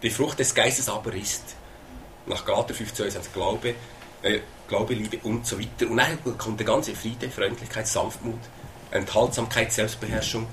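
A man's voice: on the low side, fairly even intonation, normal speed, a bit bright, a little hiss or hum. A man with a Swiss German accent preaching a sermon in an earnest way, often repeating words and asking "oder?".

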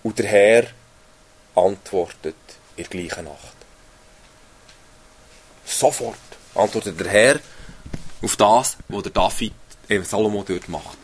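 A man's voice: on the low side, slow, long pauses, breathy edge. A man giving an earnest sermon, reading Bible passages aloud and often adding tag questions. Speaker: preacher.

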